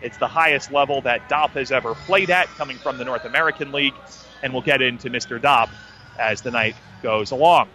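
A man's voice: mid-range voice, a little fast, pushed and bright, faint music behind. A man giving live hockey pregame commentary as a play-by-play broadcaster.

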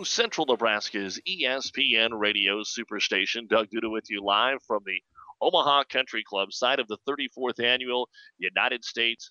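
A man's voice: medium pitch, sharp tone, no echo, highs cut off. A man hosting a live sports radio show, giving updates as he goes.

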